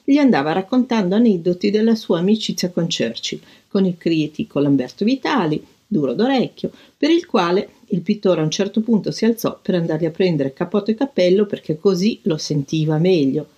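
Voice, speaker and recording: An older woman speaking thoughtfully, pausing often with soft fillers as she reads passages aloud and reflects. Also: on the low side, expressive, slightly rough, highs cut off. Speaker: design commentator recalling an artist.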